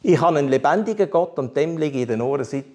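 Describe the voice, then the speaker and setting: A quiet, loving mother, voiced by a man with a Swiss German accent speaks calmly within a sermon. She is patient and steady. The voice sits slightly high and moves freely. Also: quick pace. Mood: gentle. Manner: quiet and calm. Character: loving, patient mother, middle-aged woman.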